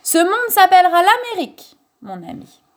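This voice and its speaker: A woman's voice: high voice, big pitch swings, a little slow, a little mellow, voice pushed up. A woman voicing an old, tired and dreamy wolf painter in a children's story.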